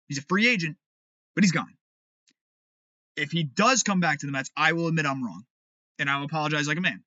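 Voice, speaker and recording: A man hosting a sports podcast, ranting angrily and with lots of cursing, dropping to low mutters and then rising to shouts. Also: no echo. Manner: angry, profane, swings from low mutters to shouting. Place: home room. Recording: dull, lo-fi home recording.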